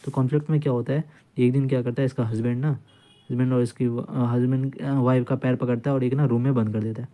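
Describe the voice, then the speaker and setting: A law tutor gives an informal lecture in a flat, fast, dark-toned voice of medium pitch, with slight background noise. He explains points by retelling cases and repeating phrases, mixing in English legal terms.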